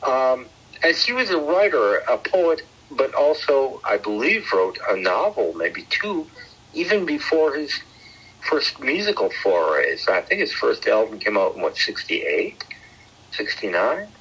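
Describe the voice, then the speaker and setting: Husky, animated man chatting on a podcast. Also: medium pitch, unhurried, poor audio. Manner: animated, rambling, laughs often. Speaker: podcast co-host. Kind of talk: casual chat.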